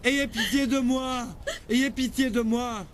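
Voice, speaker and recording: An actor dubbing a condemned man who shouts desperate pleas for his life, in a historical drama. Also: very high-pitched, fairly even intonation, slow, slight background noise, heavily acted. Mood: desperate pleading. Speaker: accused prisoner. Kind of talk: French dub of a historical series. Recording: loud music and crowd behind.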